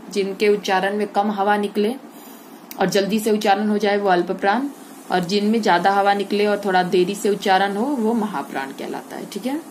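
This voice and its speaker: A woman's voice: mid-range voice, a little mellow, a little hiss or hum. A woman teaching a school grammar lesson online, explaining step by step and asking and answering her own questions.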